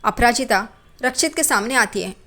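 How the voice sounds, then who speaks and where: A woman narrating a recap of a television serial in a plain, steady manner. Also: fairly high pitch, moderate pace. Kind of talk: storytelling recap.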